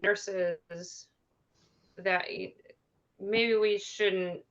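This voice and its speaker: A woman hosting a casual discussion as a nurse, speaking in halting phrases on slightly muffled audio. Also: medium pitch, fairly even intonation, fairly bright tone. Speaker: discussion host and hospice nurse.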